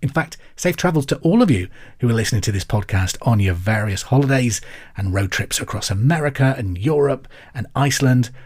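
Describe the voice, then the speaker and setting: With music in the background, an English host runs his pub quiz podcast in a chatty way. His medium-pitched voice is brisk and darkish in tone with lively intonation, and he takes care to repeat each question clearly.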